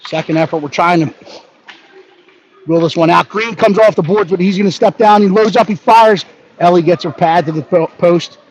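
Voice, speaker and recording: High-voiced man calling hockey play-by-play. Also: darkish tone, breathy edge. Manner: brisk running narration of each pass, partisan toward the home team. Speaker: play-by-play announcer. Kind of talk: live hockey play-by-play commentary. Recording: dull lo-fi audio with faint background noise.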